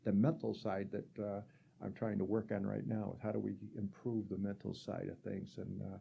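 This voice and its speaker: A man's voice: on the low side, level tone, normal speed, creaky, slightly rough, dull audio. A man in his sixties from the Rochester area of New York, telling his life story as a guest in a casual, rambling way with many fillers. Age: 60s. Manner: chatty, rambling, frequent fillers and restarts.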